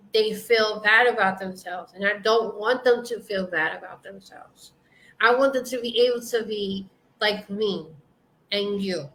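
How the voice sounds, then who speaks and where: A woman's voice: mid-range voice, pushed and bright, low-quality recording. A woman interviewer on a video call, talking earnestly with hesitations and repeated phrases. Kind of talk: heartfelt interview talk.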